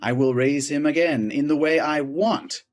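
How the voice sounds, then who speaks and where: A man's voice: a little high, faint music behind, natural voice. An actor playing a domineering, wealthy husband who talks down to his wife with boastful scorn. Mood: scornful. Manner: boastful, scornful, quick to rage.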